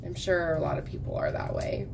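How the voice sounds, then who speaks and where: A woman in her thirties, recovering from a lost voice and coughing, rambles casually while diamond painting at a craft table indoors for her crafting vlog. Her low, creaky voice swings hugely in pitch and moves a little fast, with background noise.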